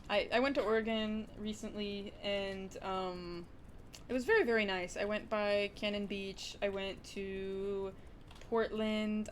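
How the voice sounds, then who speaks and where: A woman's voice: mid-range voice, a little hiss or hum. Rambling young woman with Wisconsin accent. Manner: rambling, talks to chat with lots of "like" and "dude". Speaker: livestreamer. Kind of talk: casual livestream chat.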